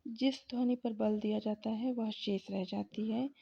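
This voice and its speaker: A woman's voice: fairly high pitch, fairly even intonation, vocal fry, slightly rough. A woman teacher giving an exam revision lecture, reading out terms and examples one by one. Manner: slow, deliberate, reading out lists of examples. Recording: dull lo-fi recording.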